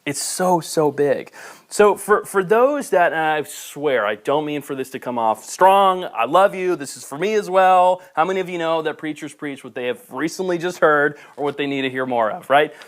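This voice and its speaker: Impassioned higher-voiced male preacher. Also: normal speed. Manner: impassioned, swinging from loud emphasis to soft asides. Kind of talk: sermon to camera. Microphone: camera mic.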